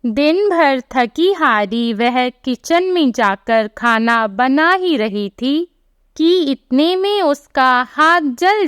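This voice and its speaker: A woman tells a storybook tale in plain, sympathetic narration. Her voice sits high and moves very slowly. The recording is close and dry. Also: fairly bright tone, no echo.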